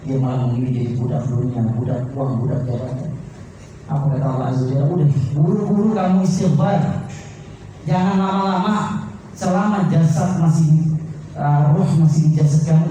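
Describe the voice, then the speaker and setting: This mosque preacher has a mellow, fairly high-pitched voice, with a bit of hiss or hum on the recording. He tells stories that include quoted speech, recites Arabic verses, and speaks straight to the congregation with questions, all heard from a distance in an echoing room.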